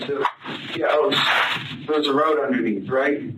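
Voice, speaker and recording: Halting, flat-voiced man in an echoey room. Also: medium pitch. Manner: halting, flat, matter-of-fact. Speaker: suspect being interviewed. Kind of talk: police interview. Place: police interview room. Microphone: far-off room camera. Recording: echoey noisy room from far off.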